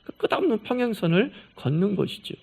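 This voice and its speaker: A man preaching a Sunday sermon as pastor, talking to his congregation in plain everyday words, asking them questions and acting out the quoted lines in a gentle, homely voice. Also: high voice, big pitch swings, fairly quick, gravelly, husky. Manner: asks the congregation rhetorical questions. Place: church sanctuary.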